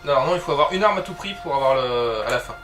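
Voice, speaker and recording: A man's voice: mid-range voice, lively intonation, fast, fairly bright tone. A man hosting a board game session, casually explaining the rules in conversation. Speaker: host presenting a board game. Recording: echoey room, distant mic, music behind. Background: clear music.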